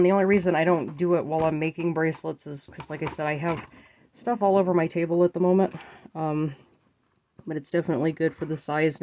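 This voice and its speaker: A woman with a low-pitched, darkish voice and a stuffy, congested nose chats casually to viewers while making bracelets, often calling them "you guys." The recording is dry.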